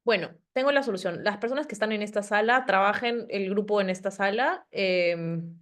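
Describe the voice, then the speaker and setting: A woman on a video call, coordinating an online class. She talks briskly and practically, sorting students into groups and fixing problems on the fly. Her pitch sits in the middle range. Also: fairly bright tone. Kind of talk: organizing breakout groups in a virtual class.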